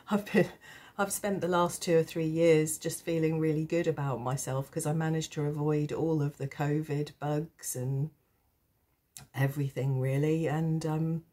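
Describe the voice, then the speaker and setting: Rambling casually to her camera, the tarot vlog host speaks slowly with frequent pauses. She has a cold and sore throat that roughens her low, mellow voice, which stays steady in tone, and she comes across as reflective, hesitant and mildly self-deprecating.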